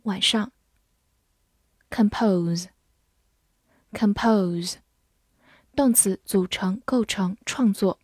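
In a dry, studio-quality recording, a young woman teaching vocabulary speaks in a mellow, medium-pitched voice. She says every English word two times, slow and distinct, and then gives a gloss.

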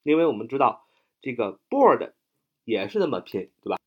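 A man's voice: medium pitch, normal speed, narrow, tinny audio. A man teaching English vocabulary, spelling words letter by letter and explaining with memory tricks, chatty with many fillers. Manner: chatty, animated, frequent "啊" fillers.

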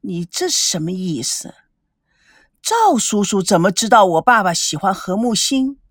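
A woman's voice: mid-range voice, sing-song, measured pace, no echo, clean studio sound. A woman voicing a spoiled, angry young woman who scolds and interrogates sharply in an audiobook. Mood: scolding. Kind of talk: audiobook character reading.

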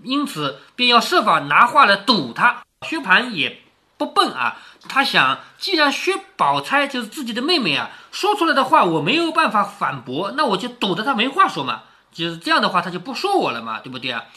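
Lively bright-voiced man explaining a story. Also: sits high, a little fast. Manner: explains as he reads, asks rhetorical questions. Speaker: storyteller reading a classic novel to his daughter. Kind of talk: casual read-aloud with commentary.

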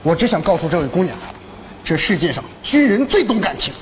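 An actor playing a shy, earnest young border soldier in a stage comedy sketch, talking plainly. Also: male voice, high voice, very animated, brisk, slight background noise. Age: young adult. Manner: earnest, plain-spoken, protests.

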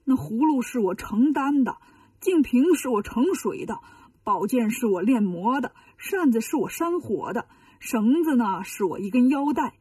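Grumpy old god guy, lady voicing him, complaining, husky, dry and close. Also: on the high side, expressive, a little slow, dark tone, dry recording, distant mic. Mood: indignant. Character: grumbling old male deity, indignant.

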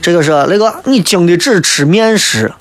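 High voiced guy w shaanxi accent, 30s, joking radio host reading messages, music behind him. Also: expressive, normal speed. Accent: Shaanxi (Xi'an) Chinese. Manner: joking, mock-exasperated. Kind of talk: humorous radio chat, reading listener messages.

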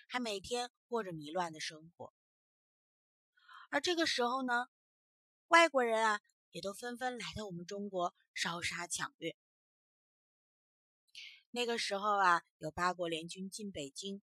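Woman storyteller, children's story narration, emphatic, bright voice, dry sound. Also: mid-range voice, no room sound. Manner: expressive, emphatic.

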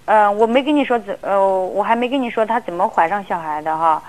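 A woman's voice: medium pitch, fairly quick, darkish tone, poor audio. A woman calling an advice radio show, telling her story in a rambling, emotional way and often repeating herself. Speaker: caller.

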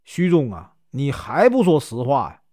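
A shrewd, eccentric old monk, played by a man in a spoken storybook, calm and knowing. The Northeastern-accented voice rises and falls lively in a dry, close recording. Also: mid-range voice, normal speed, no echo. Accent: Northeastern Mandarin.

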